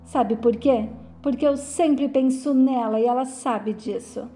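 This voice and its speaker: A defiant, gravely ill woman, voiced by a woman reading her lines. The voice sits high and mellow, and the delivery is quick and plain. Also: a little hiss or hum.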